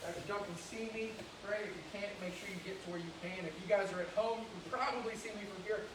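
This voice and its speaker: A man teaching a karate class, shouting counts and commands and cheering students on, in a training hall with mirrors. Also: sits high, fast talker, background noise. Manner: loud barked commands and upbeat encouragement. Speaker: karate instructor. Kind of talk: live coaching of a class.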